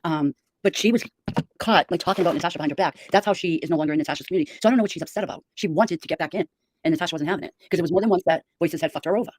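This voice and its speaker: Very fast-talking gossipy woman. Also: on the low side, darkish tone, slight background noise. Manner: rapid, gossipy, opinionated. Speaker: host of a gossip livestream. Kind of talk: casual gossip chat.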